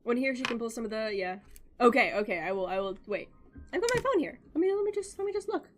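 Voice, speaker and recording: Excitable woman game streamer. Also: a little high, music in the background. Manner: excitable, chatty, quick reactions. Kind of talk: casual live-stream chat.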